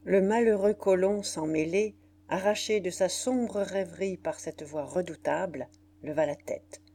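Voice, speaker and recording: A woman narrating a classic novel as an audiobook with an expressive, varied delivery. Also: on the low side, unhurried.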